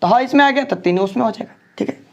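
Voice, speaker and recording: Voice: medium pitch, quick pace. A teacher giving a grammar lesson, drilling points with repeated questions and frequent checks for understanding. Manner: repetitive, drills with questions and "ठीक है".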